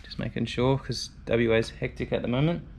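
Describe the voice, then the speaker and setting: A man's voice: medium pitch, steady tone, a little fast, gravelly, darkish tone, a little hiss or hum. A laid-back man, chatting casually and in slang as he presents a DIY vlog. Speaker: vlogger presenting a DIY video.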